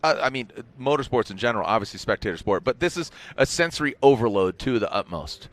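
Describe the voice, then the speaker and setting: A man's voice: mid-range voice, expressive, quick pace. A man co-hosting a live motorsport stream, hyped and playful, teasing his partner. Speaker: stream co-host.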